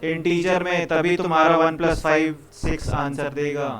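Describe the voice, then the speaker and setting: A man's voice: a little high, flat delivery, moderate pace, fairly bright tone. A man teaching a live programming class to students in a casual, chatty way, often checking in with them and calling them brother. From India. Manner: casual, repeats "ठीक है" and "भाई", coaxing students.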